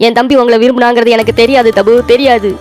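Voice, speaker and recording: A woman's voice: a little high, steady tone, fast talker, darkish tone, soft background music, lightly acted. A woman voicing a bossy, melodramatic older brother in a cartoon story, talking in a scolding, blustering way. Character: bossy, self-pitying elder brother, grown man.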